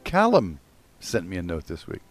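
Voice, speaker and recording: A man's voice: low-pitched, wildly swooping pitch, normal speed. A man co-hosting a podcast in casual chat, rambling through stories and swearing freely. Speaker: podcast co-host.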